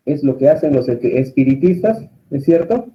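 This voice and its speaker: A man instructing a course, lecturing and often putting questions to his students in a calm teaching tone. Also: on the high side, normal speed, a little hiss or hum. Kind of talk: online class lecture. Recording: muffled, lo-fi audio.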